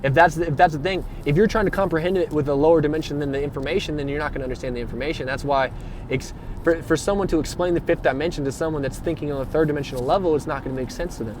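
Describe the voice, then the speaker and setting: A man's voice: fairly high pitch, racing, noisy background. A man giving a rambling spiritual monologue, slangy and emphatic, repeating himself and swearing freely, with rhetorical questions. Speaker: spiritual vlogger.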